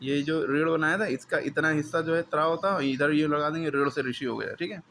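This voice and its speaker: A man's voice: fairly high pitch, fairly quick, a bit bright, slight background noise. A man teaching the alphabet in a classroom lesson, explaining patiently step by step and drilling each sound for a pupil to repeat.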